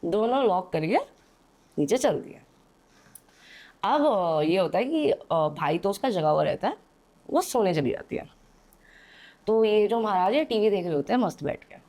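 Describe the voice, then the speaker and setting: Young woman on a podcast telling a spooky story, soft mellow voice, lots of little "um"s and "okay?"s. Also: mid-range voice, expressive, measured pace, long pauses. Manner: chatty, checks in often with "theek hai"; hesitant fillers while telling the story. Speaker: podcast guest. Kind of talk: casual spoken storytelling. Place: indoor podcast studio.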